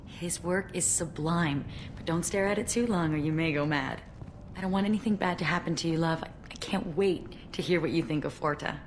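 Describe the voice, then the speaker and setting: An actress voices an alluring lover in a video game. Her low female voice is tender and intimate, heard on a noisy message playback. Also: a little fast, lightly acted. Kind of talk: game voice acting, recorded message.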